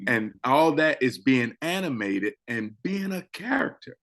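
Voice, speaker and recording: On a talk show, a man who coaches public speaking and co-hosts the program chats casually, repeating phrases for emphasis. His medium-pitched voice is unhurried yet animated, swinging between loud and soft for effect.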